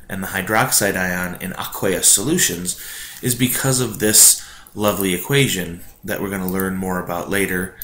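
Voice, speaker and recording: A man's voice: low-pitched, a little hiss or hum. A male teacher giving a recorded online chemistry lesson, his voice echoing like a cave because he lacks a proper microphone. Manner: relaxed, conversational explaining. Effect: cave-like echo. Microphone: built-in computer mic. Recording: echoey room without a proper mic.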